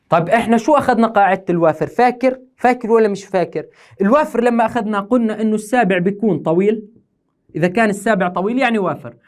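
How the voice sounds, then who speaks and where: A male teacher, speaking patiently and methodically. He breaks the material into small steps and counts out syllables one at a time in a conversational recorded lesson. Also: high voice. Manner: patient, explains step by step, counts syllables aloud. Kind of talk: recorded lesson on poetic meter.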